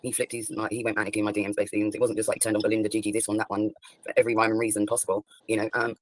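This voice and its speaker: Fast-talking, foul-mouthed man. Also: on the low side, completely flat delivery, dry recording, rough recording. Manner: blunt, swears constantly; rambling, many fillers. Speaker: streamer. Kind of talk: heated livestream conversation.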